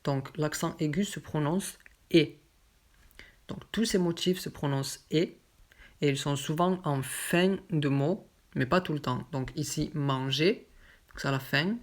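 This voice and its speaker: A woman teaching pronunciation, saying example words slowly and repeating them carefully. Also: deep voice. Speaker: French teacher. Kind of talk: pronunciation lesson.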